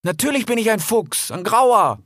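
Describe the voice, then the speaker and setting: A man's voice: high voice, sing-song, normal speed, fairly bright tone, no echo, clean studio sound, exaggerated voice. A man voicing a young grey male fox in a storybook, jumpy and stubborn, stammering when flustered. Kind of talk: audiobook character voice.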